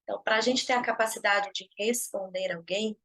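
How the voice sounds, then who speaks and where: A woman's voice: medium pitch, steady tone, moderate pace, fairly bright tone, poor audio. A woman with a Brazilian Portuguese accent hosting a live stream of advice, talking casually and acting out everyday dialogues. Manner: chatty, uses many tag questions and acts out everyday dialogues. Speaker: host of a self-development live stream. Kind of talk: conversational advice talk.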